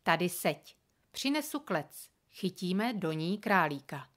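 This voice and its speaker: A woman's voice: fairly low pitch, sing-song. Brief: cheeky little boy bossing his sister around, read by a woman. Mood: bossy teasing. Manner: teasing, commanding. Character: mischievous bossy little boy.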